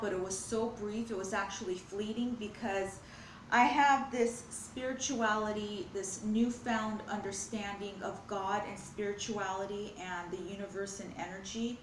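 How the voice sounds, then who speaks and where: A woman's voice: mid-range voice, echoey room, a little hiss or hum. Earnest woman vlogging over a meal. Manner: earnest, rambling, spiritual musing; talks with her mouth full. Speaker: mukbang vlogger. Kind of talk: casual chat while eating. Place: home, at a glass table.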